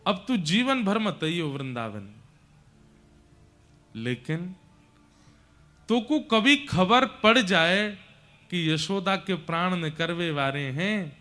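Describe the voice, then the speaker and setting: A man's voice: sits high, lively intonation, slow, long pauses, bright, forceful tone, faint music behind, exaggerated voice. A male storyteller voicing a grieving village mother who speaks brokenly to her son in a rural dialect. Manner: broken, pleading in Braj dialect. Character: grieving village mother Yashoda, loving and resigned.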